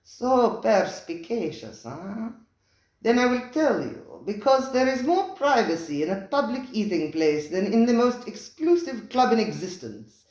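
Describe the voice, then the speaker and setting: Here the reader's take on Spiro, the emphatic, showy restaurateur who caps his questions with "eh?", comes in a mid-range voice that is pushed up, very animated, a touch slow, and slightly mellow. The mood is grand and insistent, captured in an echoey, roomy space.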